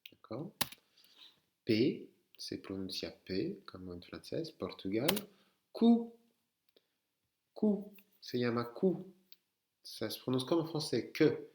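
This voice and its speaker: A French man teaching Spanish pronunciation letter by letter, slowly repeating words for his students to say back. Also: medium pitch, big pitch swings, a little mellow, echoey room, a little hiss or hum. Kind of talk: online language lesson.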